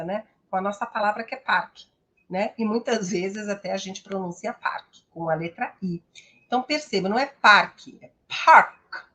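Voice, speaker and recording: A woman from Brazil teaching English pronunciation in an online lesson, slow and explanatory, often adding a questioning "né?". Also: mid-range voice, fairly bright tone.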